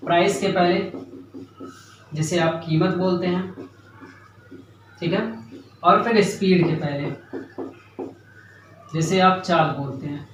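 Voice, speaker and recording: A young man with a high voice teaches grammar classroom-style, repeating central points and checking if students follow along. The highs are cut off, there's slight background noise, and the mic is distant in an echoey room.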